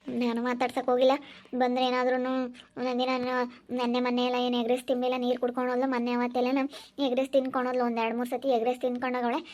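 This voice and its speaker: A woman plays a chatty village food-stall keeper in an amateur skit. She talks fast and high in a flat, even run of brisk gossip. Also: lightly acted. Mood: gossipy. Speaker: egg-rice stall owner.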